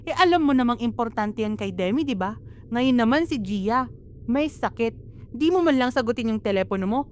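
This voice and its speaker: Voicing a worried mother of grown-up children who nags and scolds readily, a Filipino-accented woman delivers angry, exclamatory lines in an amateur radio drama. Her voice is a little high with lively intonation and a fairly quick pace, lightly acted, over a little hiss or hum.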